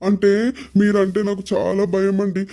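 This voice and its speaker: A woman voicing a fearful, tearful adult village husband in a cartoon, pleading softly in a Telangana accent. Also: medium pitch, monotone, moderate pace, natural voice. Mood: timid, pleading. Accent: Telangana Telugu. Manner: pleading, fearful, soft-spoken. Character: timid weepy village husband, adult man. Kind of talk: cartoon voice acting.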